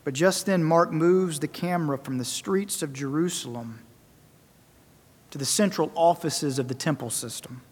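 A man preaching a sermon, emphatic and rhetorical, repeating phrases for effect and swinging between loud and soft. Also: fairly high pitch. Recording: long reverberant hall.

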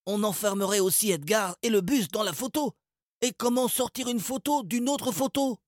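Storybook figure: a man acting out a thoughtful young boy, unsure and stammering, lightly pitched up. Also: moderate pace, no echo, studio quality, natural voice. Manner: stammering, hesitant. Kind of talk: storybook reading.

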